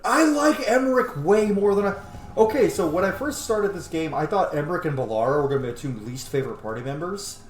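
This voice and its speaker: A gaming video host does casual let's play commentary, thinking aloud as he plays and swearing freely in an informal style. His voice sits on the high side with lively intonation and a slightly fast pace, recorded in an echoey room with faint background noise.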